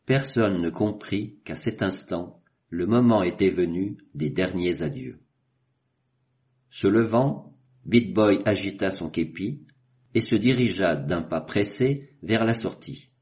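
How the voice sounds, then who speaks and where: A man narrating a literary adventure story in a measured, storytelling manner. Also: sits low, a little mellow. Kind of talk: scripted narration.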